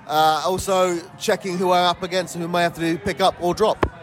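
A man's voice: sits high, flat delivery, brisk, soft background music. A man giving a matter-of-fact answer in group banter. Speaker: league player.

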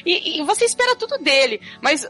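A Brazilian woman hosts a casual chat with a high, bright voice. She talks animatedly and swears freely. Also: fairly quick, soft background music. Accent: Brazilian Portuguese. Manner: animated, profane storytelling. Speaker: podcast host.

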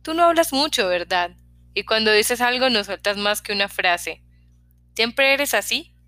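Chatty young hairdresser, prying and lively, bright tone ; a woman reader doing her. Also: on the high side, measured pace, no room sound, soft background music. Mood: teasing. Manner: talkative, prying, lively questions.

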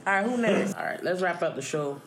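Man, podcast co-host, laid-back, laughing, lively pitch, echoey room. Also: a little fast, noisy background. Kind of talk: casual chat.

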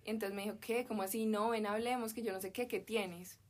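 A woman's voice: mid-range voice, fairly even intonation, a little fast. A young woman from Colombia with a Medellín accent, chatting as a podcast guest and telling an emotional story full of slang. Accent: Medellín Colombian Spanish. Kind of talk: casual chat.

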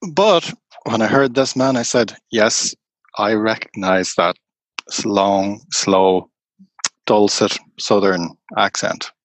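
Man, tour guide, unhurried storyteller, low voice, dry close sound. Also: no echo. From Ireland. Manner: slow, unhurried anecdotal telling. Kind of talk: conversational storytelling interview.

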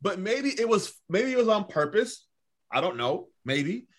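A man's voice: high voice, sing-song, measured pace. A man co-hosting a podcast, chatting casually, laughing often and repeating himself. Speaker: podcast co-host. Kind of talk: casual chat.

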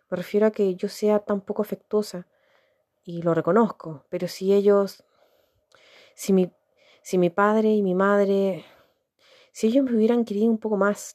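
A woman's voice: medium pitch, dark tone, no room sound, studio quality, close to an everyday voice. A woman reading aloud, voicing a blunt, lonely young woman in a storybook reading, with a candid, hesitant way of talking. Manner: candid, musing, hesitant restarts.

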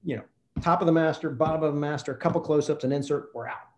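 A man's voice: fairly high pitch, fast, darkish tone. A man, a film director, telling a behind-the-scenes anecdote in an interview and acting out the quoted exchanges. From Kentucky. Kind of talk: storytelling interview chat. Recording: roomy echo.

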